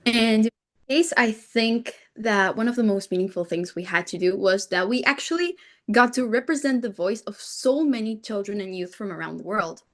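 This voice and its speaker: A woman's voice: medium pitch, normal speed. Enthusiastic young woman from Argentina. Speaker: youth delegate presenter. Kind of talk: online presentation. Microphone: video call.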